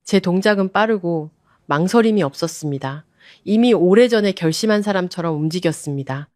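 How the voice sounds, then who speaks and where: Female narrator for a radio drama story; calm, firm, measured delivery, slightly low. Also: no room sound, studio quality.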